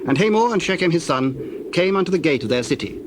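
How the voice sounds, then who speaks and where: A man narrating scripture in a measured, formal, solemn scripted style. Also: fairly high pitch, lively intonation, noisy background.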